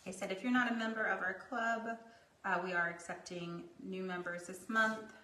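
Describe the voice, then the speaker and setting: A woman's voice: medium pitch, steady tone, moderate pace, sharp tone. A woman teaching a craft painting project in her studio, chatting casually with rambling, joking asides. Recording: echoey room, mic at a distance.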